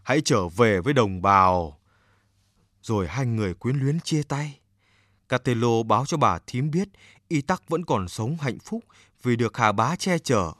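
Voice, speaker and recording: A man narrating a children's story with a steady, expressive reading. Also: medium pitch, moderate pace, no room sound. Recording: dry close mic with faint music.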